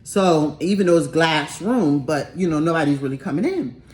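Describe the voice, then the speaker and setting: A young adult woman telling a dramatic story in a casual vlog, animated and profane, with sudden high-pitched outbursts. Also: normal speed. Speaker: storytime vlogger.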